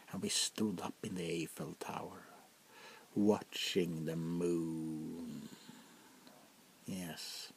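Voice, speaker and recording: Voicing a haughty vampire prince hungry for power, a man performs a soft-spoken ASMR roleplay full of arrogant, dramatic pauses. His low, gravelly voice is exaggerated and frequently drops to a whisper. There's slight background noise.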